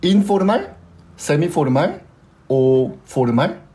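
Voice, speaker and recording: Speaking slowly in a slightly high, mellow voice whose pitch swoops wildly, a man with a Korean accent explains a language lesson live. He patiently repeats examples and frequently asks the class if they get it, over a slight hiss or hum.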